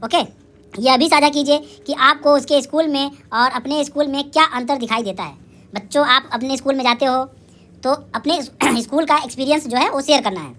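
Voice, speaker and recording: Woman schoolteacher, bright ringing voice; quizzes children and answers herself, cheering them on. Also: sits high. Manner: asks and answers her own questions; drawn-out sounding of syllables. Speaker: primary school teacher. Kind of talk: lively recorded lesson for young children.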